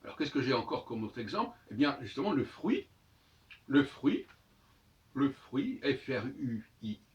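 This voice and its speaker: A man's voice: mid-range voice, sing-song, unhurried. Guy lecturing, says words again and again to sound them out, muffled lo-fi sound. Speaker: lecturer on language and astrology. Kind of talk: spoken monologue lesson. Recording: dull audio from a distant mic.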